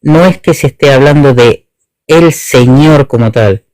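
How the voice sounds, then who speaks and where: A man's voice: mid-range voice, a little slow, a little mellow, no room sound, low-quality recording. Hesitant man explaining on a call. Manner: hesitant, many restarts and rephrasings. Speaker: guest Hebrew teacher. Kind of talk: online debate explanation. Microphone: online video call.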